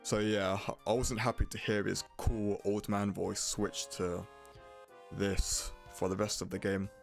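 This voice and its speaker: Low-voiced male game reviewer over music. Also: flat delivery, measured pace, creaky. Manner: blunt, casually sweary. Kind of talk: scripted review narration. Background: prominent music.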